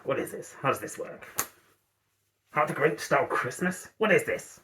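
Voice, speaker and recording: A man's voice: a little high, big pitch swings, moderate pace, sharp tone, a little hiss or hum. Man playing a grouchy, theatrical Grinch storyteller. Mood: grumpy, reluctant. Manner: grouchy, theatrical, repeats words with mounting emphasis. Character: grumpy, sour male Grinch, Christmas-hating monster, sneering and theatrical. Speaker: storybook reader in character. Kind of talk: animated children's storybook reading.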